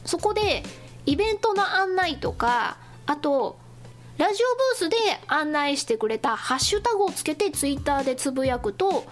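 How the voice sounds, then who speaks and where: A woman with a high voice runs a solo radio-style show, chatting casually with listeners as she works through news and announcements. Her intonation is lively and her speed normal, with music playing underneath.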